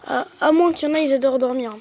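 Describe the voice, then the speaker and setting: Young high-voiced gamer talking to viewers. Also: rapid-fire, lo-fi sound, background noise. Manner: chatty, slangy, talks to viewers. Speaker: gamer playing a quiz app. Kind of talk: casual gaming commentary. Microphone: phone microphone.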